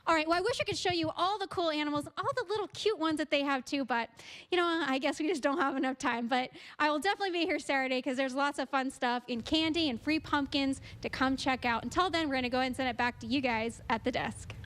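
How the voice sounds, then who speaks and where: A woman's voice: high-pitched, fast talker, a bit bright. A woman TV news reporter doing upbeat, chatty field reports and interviews.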